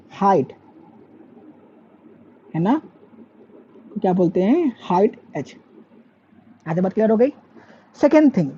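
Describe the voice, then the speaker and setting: Teaching physics in a lecture setting, this woman has a mellow voice on the high side; she raises questions, supplies her own answers, and mixes in English words. Faint background noise sits under the muffled, lo-fi sound.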